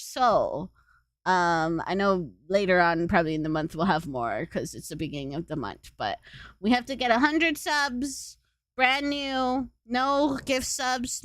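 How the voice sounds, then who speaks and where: A woman's voice: a little high, fairly bright tone, no room sound. A woman streaming live, chatting casually with her viewers and cooing at her cat, laughing often.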